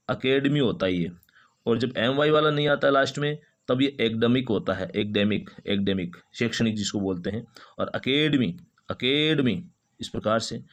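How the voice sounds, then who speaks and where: Man teaching phonetics. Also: mid-range voice. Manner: repeats each word slowly several times. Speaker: English teacher. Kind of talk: phonetics lesson.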